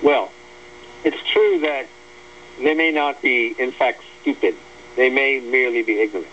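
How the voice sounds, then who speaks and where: Over dull lo-fi radio audio with a faint hum, an American man of medium pitch and a slightly bright tone speaks unhurriedly as a talk radio guest. He discusses an article he wrote, delivering blunt, emphatic, argumentative political commentary.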